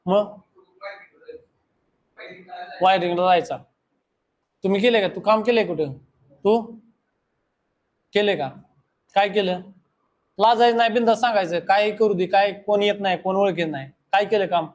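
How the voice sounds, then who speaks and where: A man's voice: high-pitched, measured pace, long pauses. A man, teaching a class and lecturing students bluntly. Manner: scolding, blunt, talks straight at students. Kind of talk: classroom lecture and pep talk.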